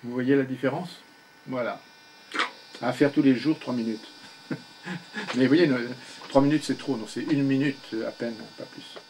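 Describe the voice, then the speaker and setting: A man's voice: mid-range voice, fairly even intonation, normal speed, long pauses, a little mellow, slight background noise, poor audio. An older man leading a one-on-one speech therapy session, patiently giving short commands and checking that his pupil follows. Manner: patient, gives short spoken commands, often asks "you see?".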